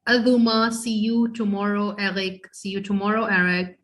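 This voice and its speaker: A woman's voice: medium pitch, fairly even intonation, normal speed, fairly bright tone. A woman teaching French over a video call, explaining each phrase in English and quizzing her students. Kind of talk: online class teaching.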